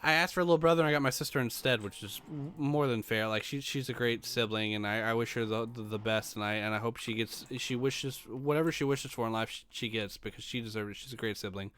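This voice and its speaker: Smooth-voiced man in his late twenties rambling. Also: medium pitch, fast, hardly any pauses, fairly bright tone. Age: late 20s. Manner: rambling, meandering storyteller. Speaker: streamer. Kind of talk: casual storytelling to a live stream audience.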